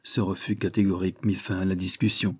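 Low, husky male audiobook narrator. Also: brisk, dry recording, clean studio sound. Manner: steady, even storytelling. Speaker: audiobook reader.

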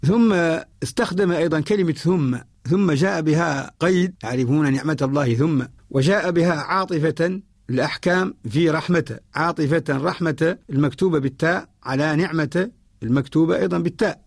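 A man with a Mauritanian accent gives a scholarly radio lesson. His voice sits a little high and sounds dry and close, with no room around it. He works through each example in a measured, methodical way and returns to the same set phrases. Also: slightly rough, dry recording. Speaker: Quran scholar teaching a poem. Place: radio studio.

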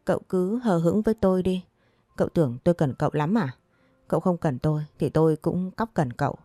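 Here is a spirited young wife in a storybook tale, put on by a woman narrator, proud and quick to bite back. Her voice is low and mellow, recorded dry and close. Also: no room sound, natural voice. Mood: defiant. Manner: tart and defiant.

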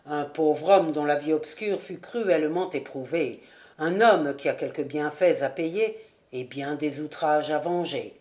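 A woman doing a grave, secretive charcoal burner. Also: a little mellow. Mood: sad. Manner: slow, grave and low. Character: mysterious old male charcoal burner, calm and secretive. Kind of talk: audiobook character voice.

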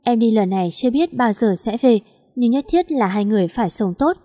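A woman's voice: a little high, lively intonation, a little fast, warm tone. Weary young woman, as a woman narrator puts her on; subdued, tired, storybook read.

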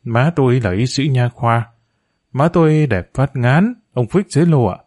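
A man reading a novel aloud as an audiobook narrator, with measured storytelling. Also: mid-range voice, lively intonation, darkish tone.

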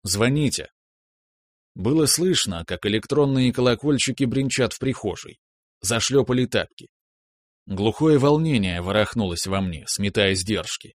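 A man narrating a novel in the first person in a calm, measured way, recorded close to the mic. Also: fairly low pitch, no room sound. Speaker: audiobook narrator.

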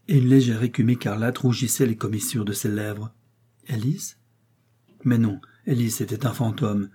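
A man narrating a novel in a slow, dramatic, carefully measured delivery. His voice is dark and mellow, with a husky, slightly veiled edge. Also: mid-range voice. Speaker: audiobook narrator.

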